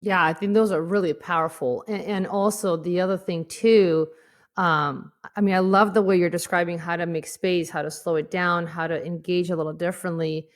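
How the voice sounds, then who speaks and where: Affirming woman podcast host, lowish voice. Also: steady tone, normal speed. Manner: warm, affirming questioner. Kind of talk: interview conversation.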